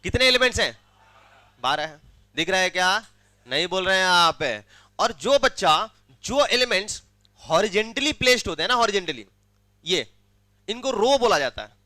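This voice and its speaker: Male maths teacher, high and bright, dry close sound, drills students with repeated questions. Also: sing-song, moderate pace, pauses often, dry recording. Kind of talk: classroom maths lecture.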